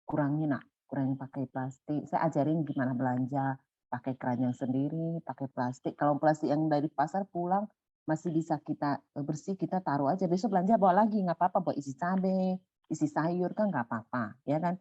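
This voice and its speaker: A middle-aged woman telling a personal story in a casual, animated way, going high when excited and soft when calm. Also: a little fast, dry recording. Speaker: volunteer sharing a personal story. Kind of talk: casual storytelling in a sharing session. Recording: muffled dry sound.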